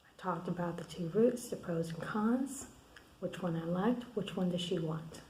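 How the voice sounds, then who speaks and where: A woman recording a candid video diary alone in her room at night, venting and swearing about a hard day, often dropping to a hushed, half-whispered voice. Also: lowish voice, a little slow, reverberant, a little hiss or hum, poor audio. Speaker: vlogger.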